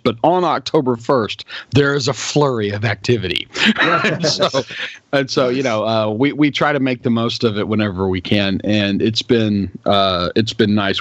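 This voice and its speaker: A man's voice: fairly low pitch, no room sound, highs cut off. A man co-hosting a podcast, telling casual anecdotes in a hesitant, amused way. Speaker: podcast co-host. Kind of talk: casual chat.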